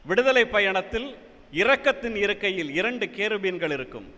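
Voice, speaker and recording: A man's voice: high voice, expressive, moderate pace, sharp tone. Declamatory man reciting poetry, echoing hall. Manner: emphatic, declamatory bursts. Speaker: poet reciting at a poetry event. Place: church hall.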